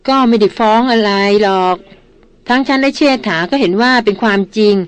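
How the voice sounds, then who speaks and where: A woman's voice: fairly high pitch, a little fast, lightly acted. Woman reading as a frank, reproving young man. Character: frank young man, brother's friend, chiding.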